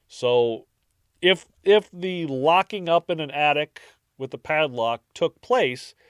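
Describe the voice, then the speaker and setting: Man, podcast co-host, jokey storyteller, slightly high voice, very lively pitch, dry sound. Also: dry recording. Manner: jokey, breaks into silly voices and laughs. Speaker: podcast co-host narrating history. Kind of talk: casual storytelling chat.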